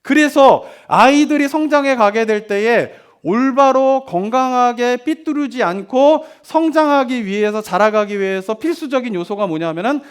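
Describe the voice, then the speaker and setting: A man's voice: very high voice, lively intonation, normal speed, few pauses, smooth. A middle-aged male pastor preaching a sermon in a chatty way, asking the congregation questions and acting out parents and children. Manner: conversational preaching with frequent rhetorical questions; acts out parents and children in quoted lines.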